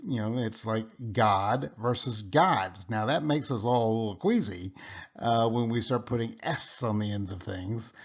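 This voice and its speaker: A man teaching a casual Bible study lecture, explaining step by step, often pausing with "uh" and restarting his sentences. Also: fairly low pitch, lo-fi sound. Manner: halting, with frequent "uh" and restarts; explanatory, checks in with "okay?".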